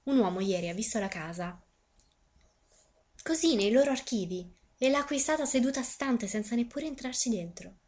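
A woman's voice: on the high side, animated, moderate pace, darkish tone, voice pushed up, natural voice. A woman voicing a prim older retired headmistress who is out of breath. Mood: flustered.

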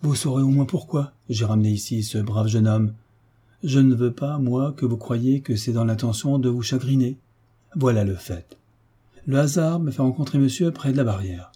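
A man's voice: mid-range voice, moderate pace, mellow, husky, natural voice. A man voicing a fussy, talkative middle-aged male landlord who speaks emphatically, in a folksy way, for an audiobook. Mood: chatty.

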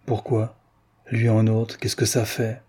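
A man's voice: fairly low pitch, little pitch movement, slow, a little mellow, slightly rough, heavily acted. A man reading the part of a jovial aristocratic Parisian count who banters and tells gossip. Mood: teasing.

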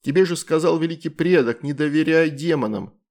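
A furious demon mother scolding her child, as a male narrator puts her on. She nags in a raised, loud voice, with a gravelly grain underneath. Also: a little high, a little fast, voice pushed up, close to an everyday voice.

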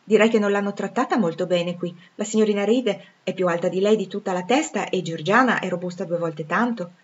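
A woman's voice: mid-range voice, fairly quick, lightly acted. A woman voicing an eager, gossipy young nursemaid. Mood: chatty. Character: warm-hearted young former nursemaid woman, chatty. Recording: dull lo-fi recording.

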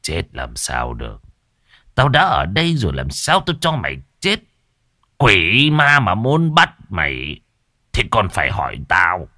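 A man voicing a greedy, smug old village exorcist who talks down in a low, slow growl. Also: huge pitch swings, bright, forceful tone, dry recording, studio quality, full character voice.

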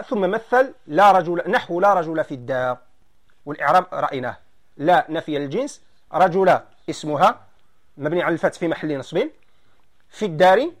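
Man, Moroccan Arabic accent, grammar teacher, high voice, slow explaining, quizzes the class. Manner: explains slowly, quizzing students.

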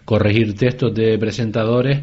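A man's voice: lowish voice, steady tone, moderate pace, a little mellow. A man with a Canarian Spanish accent interviewing a guest, chatting and adding his own anecdotes. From Canary Islands. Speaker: interviewer, journalist. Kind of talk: conversational interview. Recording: dull lo-fi recording.

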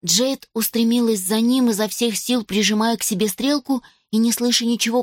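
A woman reading a children's adventure story aloud as narrator, steady and expressive. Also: fairly high pitch, no room sound, studio quality. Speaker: audiobook narrator.

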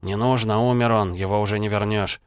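A man voicing a calm young medic in an audiobook, speaking quietly and with resignation. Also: on the low side, fairly quick, clean tone, dry recording, clean studio sound, pitched above the performer's own voice, lightly acted. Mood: resigned.

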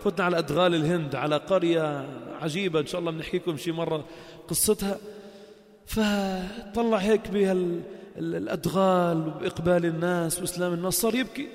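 Fervent Levantine Arabic preacher in a hall. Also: male voice, high voice, quick pace. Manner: swings between loud exhortation and quiet storytelling. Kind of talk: sermon.

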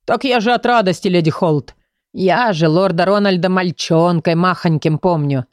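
A woman's voice: lowish voice, no echo, clean studio sound, close to an everyday voice. A woman doing an old tearful male gardener. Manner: emotional, halting, earnest.

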